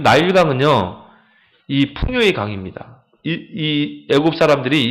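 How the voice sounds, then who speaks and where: Pastor, male, lively sermon delivery, pitch a bit high, lots of rhetorical questions. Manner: animated preaching with rhetorical questions to the congregation. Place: church.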